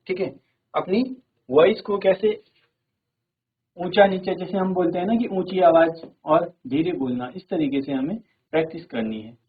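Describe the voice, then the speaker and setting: A man with a fairly high voice teaches a virtual classroom lesson. He explains step by step, often checking in with the class, and reads English examples slowly. The sound is narrow and phone-like. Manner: explains step by step, repeating "theek hai" often. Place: studio.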